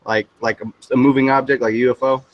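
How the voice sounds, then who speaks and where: A man chatting on a livestream, telling a story in an excitable, profane way. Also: mid-range voice, fast, dull audio, crowd noise. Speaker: guest on a livestream. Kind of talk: casual chat, storytelling.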